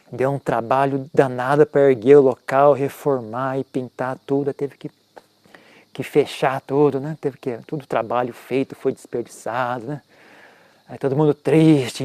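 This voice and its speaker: A man's voice: medium pitch, darkish tone, no room sound. A man teaching Buddhism in an informal, conversational talk, often tagging his sentences with questions and making self-mocking asides.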